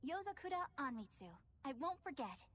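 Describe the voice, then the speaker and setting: An actress playing an earnest, dutiful young exorcist in a video game, speaking sincerely and with feeling. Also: female voice, high voice, sing-song, brisk, fairly bright tone.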